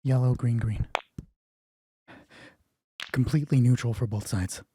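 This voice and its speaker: Acting as game master for a solo tabletop roleplay, a man improvises and thinks aloud haltingly while reading dice results. His medium-pitched voice is steady and mellow with a breathy edge.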